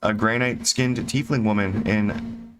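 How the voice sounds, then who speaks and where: A man running a tabletop game as game master, narrating in a relaxed, conversational way. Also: on the low side, unhurried. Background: background music.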